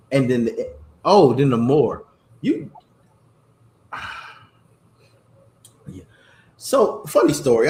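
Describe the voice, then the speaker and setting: A man hosting a casual chat, animated and playful, reading greeting-card lines aloud, with a slight cough. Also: medium pitch, echoey room. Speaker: podcast host.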